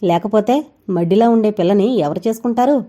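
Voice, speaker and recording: A woman's voice: medium pitch, a little fast, dark tone, lightly acted. A woman voicing an arrogant young man who mocks and sneers, in a storybook reading. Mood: mocking. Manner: mocking, sneering.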